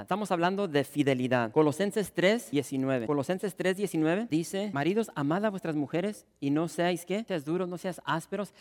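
A pastor delivers a sermon in a high voice, building to emphatic peaks and calling out to the congregation. His words ring with a long reverberation from the hall around him. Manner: preacherly, rising to emphatic peaks, addresses listeners as "tío" and "hermanos".

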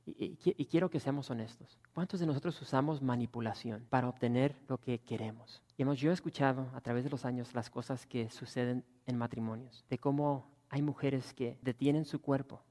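A male pastor preaching a sermon, swinging between rising emphatic bursts and quiet asides. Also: medium pitch, steady tone, a little fast, few pauses. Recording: long hall reverb.

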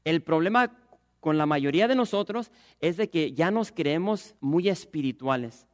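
Male pastor mid-sermon, emphatic and dynamic, a somewhat high voice. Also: expressive, measured pace, big-room sound. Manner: emphatic preaching, swinging from loud to hushed.

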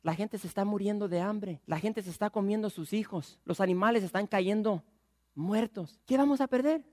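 A preacher doing a plain-spoken royal servant, casual and urgent with his king. His voice sits high in a dry, close sound. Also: moderate pace, dark tone, dry recording, close to an everyday voice. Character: blunt male royal servant urging action.

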